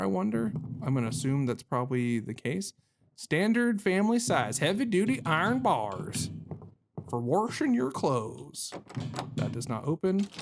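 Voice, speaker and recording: A gaming YouTuber with a mid-range voice provides casual let's-play commentary against a noisy background. He thinks aloud while playing, using goofy mock-swearing slang and now and then reading game notes out loud.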